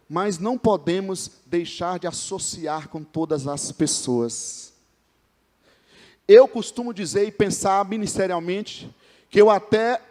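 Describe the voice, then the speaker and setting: A man with a Brazilian Portuguese accent preaches in a strikingly high voice. He keeps turning to the congregation with questions and teases members by name. His words carry a long reverberant tail from the church hall. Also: darkish tone. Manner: conversational preaching with frequent calls to the congregation; jokes with named members of the congregation. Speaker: pastor. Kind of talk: sermon.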